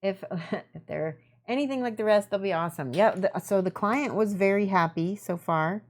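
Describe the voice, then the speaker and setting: On her live stream, a Midwestern American woman paints miniatures and talks her process through out loud, casual and relaxed. She greets chat viewers and muses as she works. Her voice is mid-range and her pace normal.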